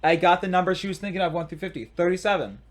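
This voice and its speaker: Young guy podcasting, talks super fast, kinda high voice, rambly braggy stories. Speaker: podcast co-host. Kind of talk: casual podcast chat.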